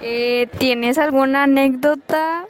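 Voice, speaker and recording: A woman's voice: high-pitched, steady tone, slow, a faint crowd. A young woman asking a classmate short interview questions outdoors at school, with a light, giggly manner. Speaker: student interviewer. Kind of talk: casual interview.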